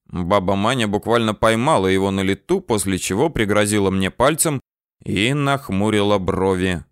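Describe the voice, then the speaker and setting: A man reading a first-person novel aloud as an audiobook narrator, steady and even. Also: lowish voice, normal speed, smooth, no room sound, clean studio sound.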